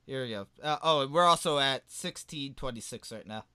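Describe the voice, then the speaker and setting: A man co-hosts a casual podcast and trades blunt, mocking jokes. His voice is bright and clear. The room sounds dry, with no echo. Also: mid-range voice, brisk. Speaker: podcast co-host.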